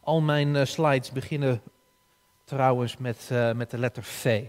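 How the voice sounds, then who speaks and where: A man preaching a sermon in an earnest, slow way, often restarting and rising for emphasis. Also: mid-range voice, steady tone. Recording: long hall reverb.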